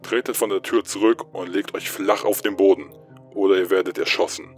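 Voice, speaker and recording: A stern, commanding Soviet researcher, as a man puts him on, barking cold orders through an intercom in a low voice. Soft music plays underneath. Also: fairly even intonation, fairly quick, natural voice.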